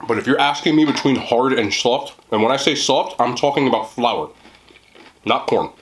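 A man's voice: medium pitch, moderate pace, a little hiss or hum. A young man doing a mukbang eating chat, joking in slang and talking while he chews. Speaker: food reviewer.

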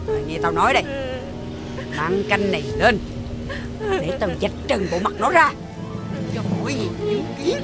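An actress playing the stern older mistress of a wealthy household in a period TV drama, scolding and giving orders harshly. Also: female voice, mid-range voice, wildly swooping pitch, moderate pace, pauses often. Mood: commanding. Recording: music score underneath.

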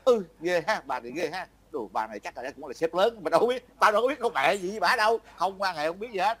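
A man's voice: high-pitched, expressive, quick pace, a bit bright. An older man from Vietnam, chatting casually as an interviewee, rambling and breaking off with frequent laughs. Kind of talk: casual chat.

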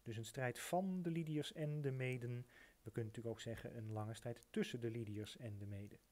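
A man's voice: mid-range voice, fairly even intonation, fairly quick, mellow. A man teaching, working through a text line by line, patient and methodical, repeating each translation.

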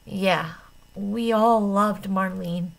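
A woman voicing a desperate young man who shouts in anger and grief. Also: medium pitch, steady tone, drawn-out words, gravelly. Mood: grief-stricken. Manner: shouting, voice breaking.

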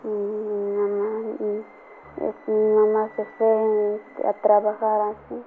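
A woman from Peru giving documentary testimony, speaking haltingly with frequent restarts and trailing phrases. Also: mid-range voice, monotone, slight background noise. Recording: tinny phone-like audio with faint music.

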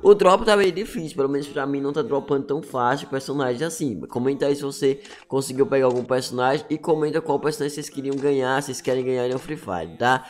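A man's voice: medium pitch, quick pace, few pauses. A Brazilian man presents gaming news in a casual, chatty way, full of slang and tag words. His voice sounds a little choked from a sore, swollen throat, and music plays faintly behind him. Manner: chatty, slangy, peppering sentences with tags. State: congested, choked-up voice from inflamed throat. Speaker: gaming YouTuber giving game news.

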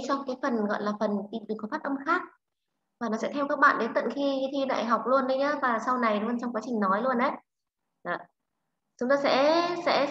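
Woman teacher, high and bright, patient explainer who keeps checking the class, roomy dull recording. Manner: checks understanding with frequent tag questions. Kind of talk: online English lesson for a class. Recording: roomy, slightly dull sound.

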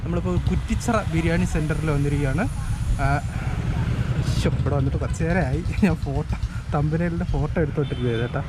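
A man's voice: fairly high pitch, fast. A man with a Malayali accent from Kerala chats casually and informally as a vlogger on the move, often repeating his words. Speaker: food delivery rider and vlogger. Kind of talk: casual on-the-go vlog chat. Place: outdoors on busy city streets. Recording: clear outdoor traffic and street noise.

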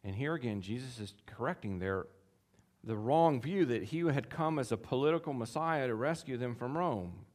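A man delivers a sermon in an animated, lively voice that swings widely in pitch. He acts out the quoted lines of his text with sudden high jumps. He chuckles between points. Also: normal speed. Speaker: pastor.

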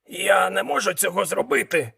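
Guy doing a high raspy scheming devil dealer, lively and wheedling, storybook audio. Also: moderate pace, exaggerated voice. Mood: frightened. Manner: nervous, wheedling, bargaining. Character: scheming haggling male devil trader.

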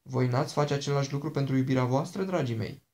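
A man's voice: mid-range voice, darkish tone, lightly acted. A man voicing an ancient princess, a charming and dangerous woman who talks in a sweet, persuasive, coaxing way.

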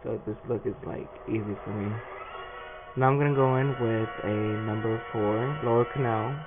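A man's voice: fairly low pitch, fairly even intonation, moderate pace. A man, a face painter, casually talking through a face paint tutorial with a lot of "um" fillers. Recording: tinny phone-like recording with music.

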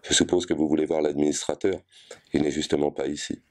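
A man's voice: very deep voice, level tone, fast. A man voicing a nervous, sweating, furtive colonial clerk who speaks curtly and suspiciously. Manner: curt, suspicious.

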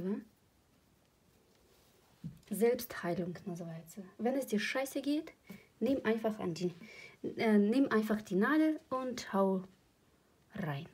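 Brief: woman vlogger, husky voice, rambling emotional chat at home. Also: medium pitch, mellow. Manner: chatty, rambling and emotional, laughs often. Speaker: crochet channel host. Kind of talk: casual vlog chat.

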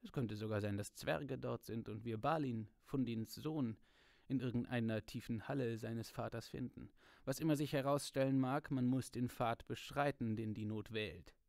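A man reading aloud voices an old, wise male wizard, speaking in a measured, calm, slightly lowered voice. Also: vocal fry, no echo, studio quality, natural voice. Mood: grave.

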